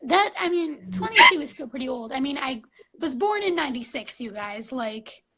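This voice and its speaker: A woman's voice: high voice, sing-song, normal speed, pushed and bright, low-quality recording. A woman in her twenties chatting casually on a live stream, gushing and bubbly, full of fillers like "like" and "um", on a phone mic. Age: 20s.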